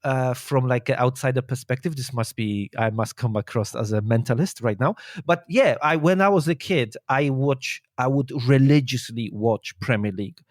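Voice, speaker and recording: Man, thirties, interview guest, halting repeated words, mid pitch, dry sound. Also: no echo. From Poland. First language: Polish. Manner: hesitant, repeats words while finding his thoughts. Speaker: guest, urban explorer and maths teacher. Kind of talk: casual interview chat.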